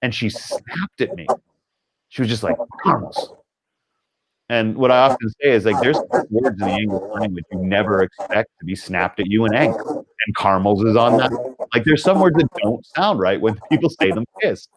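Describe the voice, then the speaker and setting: A Canadian man, a leadership speaker, telling a story in an animated, conversational way and acting out the quotes. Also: on the low side, fairly quick, low-quality recording. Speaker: podcast guest, leadership speaker.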